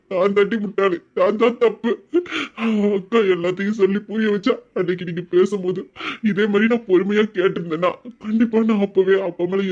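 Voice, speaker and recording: A man's voice: high-pitched, a little mellow, lo-fi sound, lightly acted. A man voicing a remorseful young man in a Tamil audio drama, confessing with tears. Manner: emotional, confessional, tearful.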